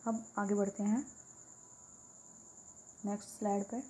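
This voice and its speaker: A woman teaching an exam-prep lesson, explaining step by step, repeating key words and reading English examples slowly. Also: medium pitch, level tone, mellow, slight background noise, poor audio.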